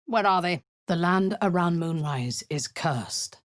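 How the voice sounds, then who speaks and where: A woman voices a cruel, haughty drow cult commander in a video game, an imperious, seductive, and zealous character. Her lowish voice is breathy and husky, often dropping to a whisper, and she speaks slowly with lively intonation. The mood is cold and imperious, her manner commanding and menacing.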